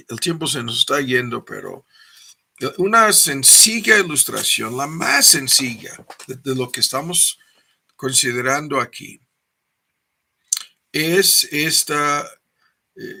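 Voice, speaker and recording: A man's voice: a little high, vocal fry, sharp tone. A middle-aged man preaching a teaching sermon, repeating words and often tagging "¿no?" onto his points. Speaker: pastor.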